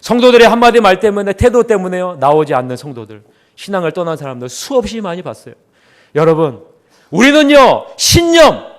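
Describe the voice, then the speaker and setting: A young male pastor delivering an impassioned Sunday sermon, repeating refrains and calling the congregation to respond. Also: sits high.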